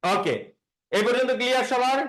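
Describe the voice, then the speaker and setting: A man's voice: very high voice, fairly quick, fairly bright tone, poor audio. A man teaching a classroom grammar lesson, quizzing students and repeating key words. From Bangladesh.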